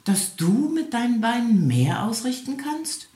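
A sly, stubborn little hedgehog who talks brisk and bossy in a raised voice, as a woman reads him in a storybook. The reading has a roomy echo, and the voice jumps around lively. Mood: challenging. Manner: brisk and bossy, higher than the narration. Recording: echoey room.

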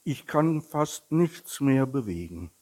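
A small, sickly tiger cub from a children's storybook whines and bosses his friend around, as a man puts him on. The voice is raised high and pleading, with lively swings in pitch. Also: slow pace. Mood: whiny. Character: small sick male tiger cub, whiny and demanding.

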